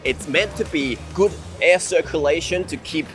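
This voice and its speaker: A man's voice: a little high, moderate pace, a bit bright, faint music behind. A young man from Hong Kong, narrating a walking travel vlog outdoors at a historic palace, enthusiastic and chatty as he explains the sights. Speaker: travel vlogger.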